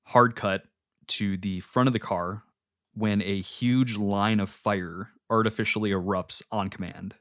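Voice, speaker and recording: A man's voice: on the low side, measured pace, no echo, studio quality. A man co-hosting a podcast, chatting casually and analytically about a film scene. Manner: relaxed, analytical, with filler restarts. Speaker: podcast co-host. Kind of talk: casual film breakdown chat.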